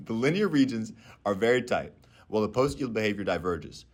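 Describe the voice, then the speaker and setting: A young man narrating a scripted engineering lesson in a clear, methodical way. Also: on the low side, animated, brisk. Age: young adult. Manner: clear, methodical technical explaining. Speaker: student engineering presenter.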